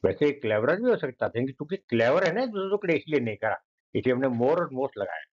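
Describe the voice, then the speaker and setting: A man teaching a grammar lesson, who keeps calling his students "beta" and repeats and spells out each word slowly. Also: medium pitch, sing-song, muffled recording.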